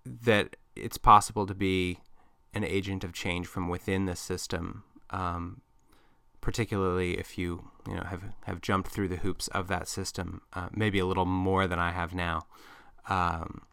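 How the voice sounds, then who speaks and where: A man's voice: low voice, little pitch movement, a little slow, vocal fry, pushed and bright, clean tone, no echo, clean studio sound. A man hosting a podcast, talking casually and thinking aloud as he muses over his plans and listener mail. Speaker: podcast host.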